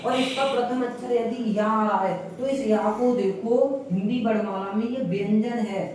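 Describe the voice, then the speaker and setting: A man's voice: high-pitched, darkish tone. A male teacher giving a classroom grammar lesson, repeating key phrases and quizzing the class with questions. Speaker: English teacher. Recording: very echoey room, voice far from mic, faint hiss.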